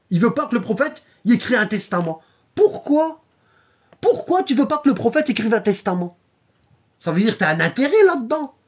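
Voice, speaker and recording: A husky, slightly breathy speaker gives a live-streamed religious lecture. Points come back again and again, pressed home with pointed rhetorical questions and constant "hein?" checks to the audience. The pitch sits in a middling register. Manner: reads and shows passages from a book. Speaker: religious teacher.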